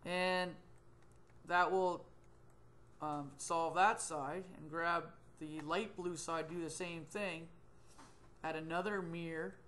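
Fairly even in intonation and fairly bright in tone, a middle-aged software tutor's rather high voice accompanies a screen recording of a 3D modeling task. He reasons aloud, pausing with ums and amending himself as he works, recorded through a desktop computer mic in a small room, webcam tucked in a corner of the screen.

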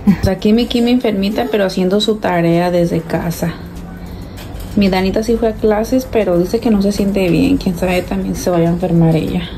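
In a rough recording with soft music behind her, a thirty-something stay-at-home mom speaks at normal speed with a dark, medium-pitched voice and fairly even intonation. She's vlogging indoors from her kitchen and bedroom, phone at arm's length, chatting casually to her "girls."

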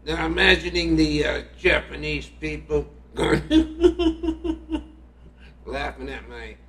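A man with a Southern US drawl talks in an unhurried, musing way, reciting each line deliberately. His voice sits a little high for a man, and he lets the pauses hang. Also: sing-song, sharp tone. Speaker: narrator. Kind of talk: casual spoken reflection on a haiku.

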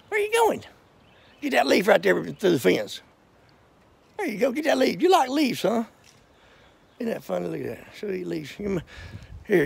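A man, throat rough from pollen, coaxing his goats outdoors in casual baby talk. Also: sits high. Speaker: goat keeper. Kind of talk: casual vlog. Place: outdoors in a front yard.

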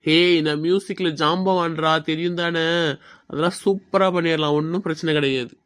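A man's voice: a little high, steady tone, moderate pace, fairly bright tone, clean tone, dry recording, close to an everyday voice. A man playing young film hopefuls who chat as close friends in a web drama. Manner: friendly banter. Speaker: aspiring screenwriter and friend characters.

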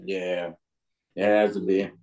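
Mellow, low-voiced young man, excitable and swearing. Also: slow. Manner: excitable, profane, laughs a lot. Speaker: co-host. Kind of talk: casual review chat.

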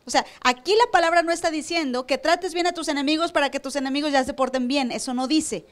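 Lady pastor, high voice, preaching at church, lots of questions to the crowd. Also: fast. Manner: preaches with rhetorical questions, acts out church members. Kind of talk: sermon. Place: church service.

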